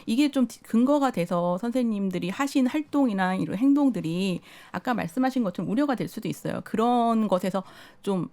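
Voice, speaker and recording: A woman's voice: medium pitch, animated, brisk, few pauses, warm tone. Earnest woman, teachers' union official. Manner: earnest, talks at length with restarts and light laughs. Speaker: teachers' union policy director. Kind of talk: radio panel debate guest. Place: radio studio.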